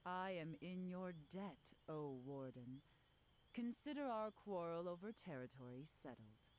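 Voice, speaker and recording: An actress playing a proud, sly village leader in a video game, formal and measured, with a villain's tone. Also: female voice, on the low side, lively intonation, a little mellow.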